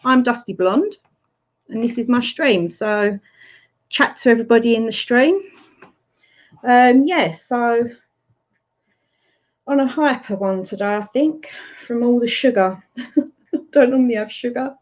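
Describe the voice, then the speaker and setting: A woman's voice: fairly high pitch, a little slow, pauses often. A middle-aged woman with an Essex accent hosting a casual livestream chat, greeting viewers by name and laughing often. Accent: Essex English. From Essex, England. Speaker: livestream host. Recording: slightly muffled lo-fi stream audio.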